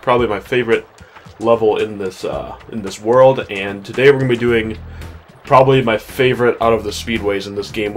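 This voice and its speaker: Young male let's player, low voice, casual rambling commentary recorded in a bedroom over game music. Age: young adult. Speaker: let's play host. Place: small bedroom at home. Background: video game music.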